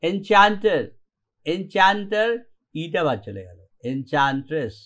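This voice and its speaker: A man teaches English grammar in Bengali during an online class, his high, slightly bright voice moving with lively intonation at a moderate pace. He proceeds step by step, checking in often with students.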